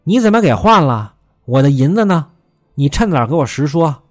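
A man's voice: on the high side, big pitch swings, normal speed. A man voicing a domineering rich master in a storytelling performance, bellowing accusations. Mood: furious.

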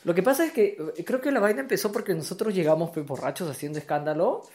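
A man's voice: high voice, expressive, quick pace, a little mellow. A man with a Peruvian accent, chatting casually and trading slang-filled stories with a friend. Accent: Peruvian Spanish. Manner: laid-back, slangy banter. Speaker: podcast co-host. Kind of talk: casual storytelling among friends.

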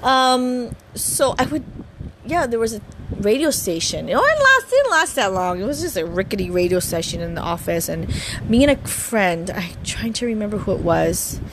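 A woman's voice: medium pitch, big pitch swings, normal speed, noisy background. A woman in her thirties from Hawaii, chatting casually as she introduces her podcast at home, stammering and restarting often with giggles. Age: 30s. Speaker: podcast host.

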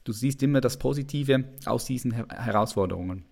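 A man's voice: medium pitch, brisk, vocal fry, a little mellow. A man hosting a video call interview, talking casually and often repeating his words. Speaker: interview host.

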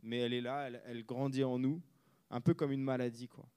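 Speaking at a medium pitch, a former reporter from France who now writes books responds to an interviewer in a reflective, measured way. His tone is level, warm and clean, and he frequently stops to find the right words.

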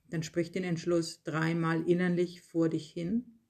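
Reading from a script, the yoga nidra guide leads a slow relaxation meditation. The medium-pitched voice stays calm, delivering short, measured phrases with pauses between them.

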